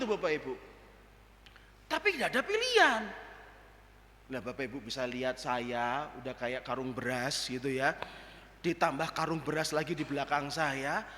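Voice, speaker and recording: A man's voice: high voice, bright, forceful tone. A man preaching a storytelling sermon in a church, acting out the dialogue and sound effects in with a tinge. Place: church hall. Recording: reverberant church hall.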